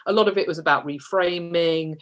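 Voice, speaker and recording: A woman's voice: on the low side, fairly quick. A woman, a guest telling personal stories in a chatty, self-mocking way and laughing often. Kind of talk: candid personal storytelling.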